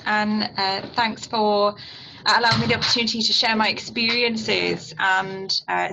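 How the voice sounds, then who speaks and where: A woman's voice: mid-range voice, gravelly, highs cut off, background noise. A woman giving an upbeat, conversational webinar talk about a hospital cardiac device service, heard through video-call audio captured in a screen recording. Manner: fluent, upbeat, conversational explaining. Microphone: computer mic on a video call.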